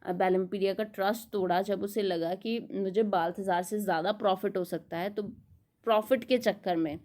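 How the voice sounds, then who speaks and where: A woman teaching an exam-prep literature lecture, explaining in Hindi and reading English summary lines slowly, asking and answering her own questions. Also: medium pitch, steady tone, darkish tone.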